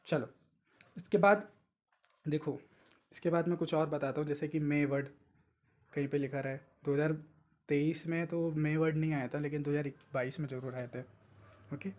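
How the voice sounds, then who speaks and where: A young man teaching exam tricks in a casual, coaxing lesson, often slipping into English and reading statements aloud slowly. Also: on the high side, fairly even intonation, darkish tone. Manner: chatty, coaxing, mixes English words and reads English statements slowly. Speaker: exam coaching tutor. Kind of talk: informal exam-tips lesson.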